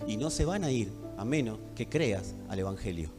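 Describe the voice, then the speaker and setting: A man from Buenos Aires with a Rioplatense accent, preaching a sermon emphatically and addressing the congregation directly, dropping to hushed tones and rising to loud ones. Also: lowish voice, expressive, moderate pace. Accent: Rioplatense Spanish. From Buenos Aires, Argentina. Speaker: pastor. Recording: echoey hall with faint music.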